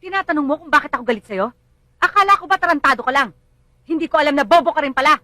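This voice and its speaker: A woman's voice: high-pitched, animated, rapid-fire, pushed and bright, dry recording. An actress playing a bereaved mother who bitterly blames others and lashes out in anger. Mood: furious. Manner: bitter, accusing, rising to screams. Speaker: grieving mother. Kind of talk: film drama acting.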